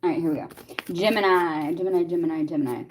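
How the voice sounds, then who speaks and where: A woman's voice: on the low side, fast talker, slight background noise. A young woman doing a casual tarot reading and chatting with viewers, laughing often and reacting to their comments. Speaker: tarot reader.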